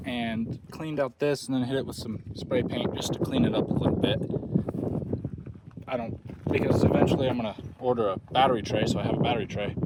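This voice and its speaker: A man casually narrating his DIY car work in a plain-spoken, offhand way, recorded on a phone in the wind. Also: medium pitch. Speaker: DIY car restoration vlogger. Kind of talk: casual narration while working. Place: working on a car, windy outdoors. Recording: windy, noisy phone recording. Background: loud wind noise, clicks.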